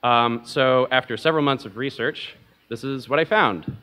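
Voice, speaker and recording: A man's voice: mid-range voice, normal speed, pushed and bright. A young man presenting at an academic conference from a lectern, talking casually with frequent ums and uhs and a self-deprecating humor.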